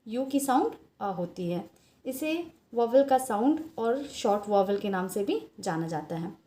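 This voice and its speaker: A woman's voice: medium pitch, expressive, measured pace, dark tone. A woman with an Indian accent teaching a phonics lesson, patiently explaining and spelling out letters one by one. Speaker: English teacher.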